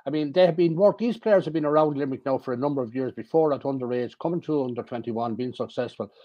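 A man's voice: mid-range voice, fast talker, warm tone, no room sound. Older irish man, firm pundit talk, kinda muffled webcam audio. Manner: assertive, emphatic. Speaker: hurling pundit. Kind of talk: casual sports analysis.

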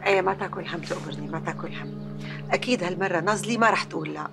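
A woman's voice: fairly low pitch, very fast, vocal fry. An actress with a Levantine Arabic accent playing a pushy, scolding mother who insists her daughter marry. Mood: insistent. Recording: music bed under the voice.

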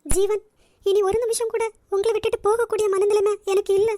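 A tender young cartoon heroine, voiced by a woman, speaking in a very high, emotional, pleading voice. The sound is dry and close. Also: flat delivery, a little fast, mellow, dry recording. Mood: tearful.

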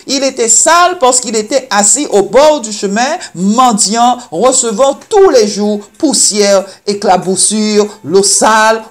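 A woman preacher delivering a sermon, reading scripture and exhorting the listener with slow, emphatic phrasing. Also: on the high side.

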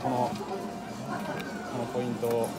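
A man's voice: medium pitch, monotone, normal speed, a loud crowd. A man chatting casually and jokingly, with informal hedging asides, as he plays crane games. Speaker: crane game player and collaborator. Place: game arcade, store exterior. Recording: loud arcade music behind.

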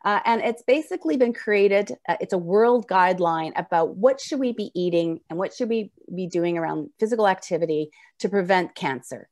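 A woman's voice: on the low side, normal speed, hardly any pauses, darkish tone. Woman presenter with slushy s sounds. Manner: slurred, slushy s sounds from wearing braces. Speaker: registered nurse presenting a health webinar. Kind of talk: informal lecture over slides. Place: indoor room, video call.

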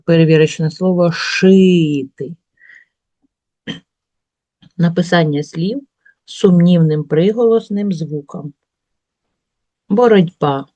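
A middle-aged woman teacher giving a workbook lesson to schoolchildren, reading out example words slowly and carefully. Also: lowish voice, mellow, no echo. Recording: dull, lo-fi recording.

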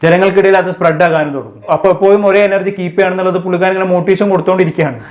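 A man's voice: high voice, fairly even intonation, very fast, a little mellow. A man giving a casual, chatty recap of a reality show and talking straight to his viewers. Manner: chatty, addresses viewers as kids. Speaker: show commentator.

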